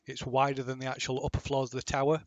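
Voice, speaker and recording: A man runs a tabletop game, pausing and restarting as he describes the scene. His voice sits at a middle pitch and sounds dry and close, with no room around it. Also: little pitch movement, no echo, lo-fi sound. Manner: hesitant, many restarts and fillers. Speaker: game master. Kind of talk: running a tabletop game over a call.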